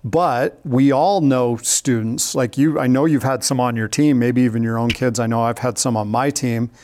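A man's voice: medium pitch, steady tone, moderate pace, a little mellow. A middle-aged man co-hosting a casual podcast, upbeat and laughing often as he explains at length. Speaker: podcast co-host.

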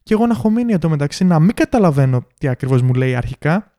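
A young man hosts a casual monologue about his work, talking in an animated way. He acts out the customers in his stories, and his voice sits a little high for a man. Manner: animated, mimics customers in quotes. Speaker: podcast host.

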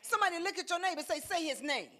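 High, bright-voiced woman preaching. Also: expressive, racing. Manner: call-and-response preaching, swings from soft to shouting; colloquial, rhythmic repetition. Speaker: pastor. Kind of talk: sermon.

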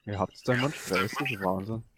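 A man's voice: on the low side, a little fast, bright, forceful tone. A young man guesting on a casual podcast, laid-back and hesitant in his answers. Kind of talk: casual chat among friends.

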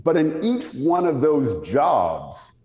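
A middle-aged man from Ontario, Canada, with a radio-style voice tells conversational anecdotes as an interview guest. His voice sits on the high side with big pitch swings, a slow pace and a darkish tone. The room is echoey with long reverb.

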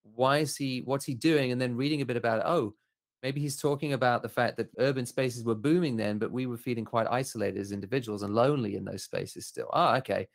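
A middle-aged Southern African man, a photographer appearing as a guest, reflects in an interview with thoughtful, candid, self-questioning talk. His voice is gravelly and medium-pitched, and he speaks fairly quickly.

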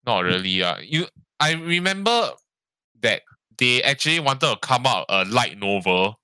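A man's voice: mid-range voice, very animated, moderate pace, pushed and bright, smooth, dry recording. A man in casual podcast chat, rambling and tagging sentences with "lah". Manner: rambling, frequent "lah" and "ah" tags, swears. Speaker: podcast co-host.

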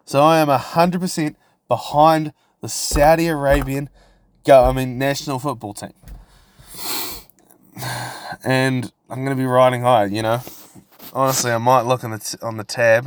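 Male podcast host, middling pitch, brash frat-bro banter, profane and provocative, casual solo rant, dry recording. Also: fairly even intonation, fairly quick, smooth, dry recording.

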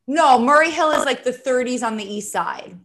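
A woman's voice: high-pitched, expressive, normal speed, a bit bright. A woman, hosting a podcast as a comedian. She chats casually and says "like" often. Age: 30s. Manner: chatty, heavy use of "like".

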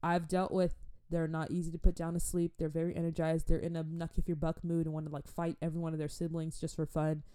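A woman in her twenties casually telling a babysitting story, animated, with slangy asides and frequent laughter. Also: low voice, fast talker, clear, resonant tone. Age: 20s. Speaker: vlogger.

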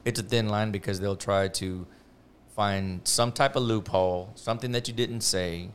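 A man's voice: lowish voice, steady tone, moderate pace, a little hiss or hum. A man who runs a refinishing business, chatting on a podcast with short, blunt remarks. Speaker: bathtub refinishing business owner. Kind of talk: casual podcast chat.

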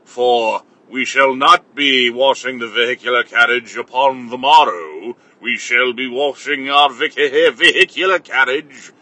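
Deep low grandpa voice, pompous and old-timey, a guy doing it, bright edge, dry sound. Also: unhurried, few pauses, dry recording. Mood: commanding. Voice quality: deep, lowered voice. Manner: grandiose, old-fashioned phrasing. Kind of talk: improvised comic character bit.

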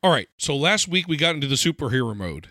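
Male co-host, very animated, joking and casual, recorded close and dry. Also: fairly high pitch, fast talker, dry recording. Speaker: radio show and podcast co-host.

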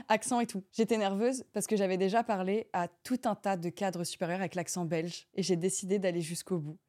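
A young woman hosting a casual podcast, reading listener stories aloud and reacting with animated laughter. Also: medium pitch, fairly quick. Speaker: podcast host.

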